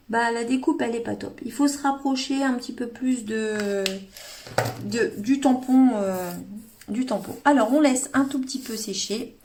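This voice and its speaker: A French woman with a slightly high voice talks through a craft project on a livestream. She is chatty and hesitant, full of fillers and restarts, and speaks directly to her viewers. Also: darkish tone, a little hiss or hum. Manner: talks to live viewers by name. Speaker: craft demonstrator. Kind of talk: live paper-craft tutorial. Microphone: livestream webcam or phone.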